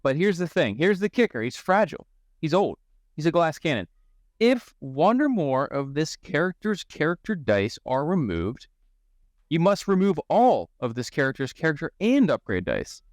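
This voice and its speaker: A man's voice: on the high side, very animated, moderate pace, dry recording, studio quality. An American man co-hosting a casual game chat, presenting fan card designs with hyped-up delivery.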